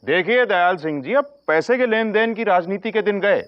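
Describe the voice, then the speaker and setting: An actor playing a pushy politician from out of town who tries to buy support with smooth, persuasive talk in a TV sitcom. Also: male voice, sits high, animated, normal speed, dry recording, highs cut off. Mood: coaxing. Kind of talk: TV sitcom acting.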